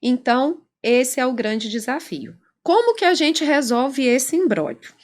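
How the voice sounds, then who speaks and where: A woman clinical psychologist with a Brazilian accent, explaining ideas in an animated conversational interview. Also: high-pitched, a little slow. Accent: Brazilian Portuguese. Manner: animated, explanatory, acts out quoted dialogue.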